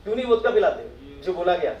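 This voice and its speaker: High-voiced man addressing an audience. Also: big pitch swings, quick pace, muffled recording, slight background noise. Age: middle-aged. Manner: asks the audience questions and acts out their replies. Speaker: speaker at a professional meet. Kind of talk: motivational talk to an audience. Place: meeting hall with audience. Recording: echoey hall, mic from far off.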